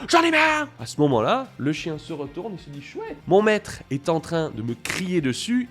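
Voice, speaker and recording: Lively man teaching dog training. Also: mid-range voice. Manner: animated, addresses viewer directly, acts out owners. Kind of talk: educational video monologue.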